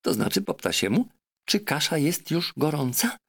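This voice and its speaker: A man voicing a shrill, proud, know-it-all female parrot in a storybook reading. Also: big pitch swings, moderate pace, creaky, fairly bright tone, slightly rough, heavily acted. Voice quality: shrill, squawky. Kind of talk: audiobook character voice.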